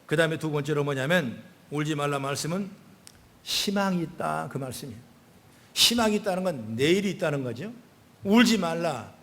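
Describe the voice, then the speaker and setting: An older man, a pastor, preaching a sermon with swings between loud emphatic calls and soft low asides. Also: lively intonation, a little fast. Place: church sanctuary. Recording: long hall reverb.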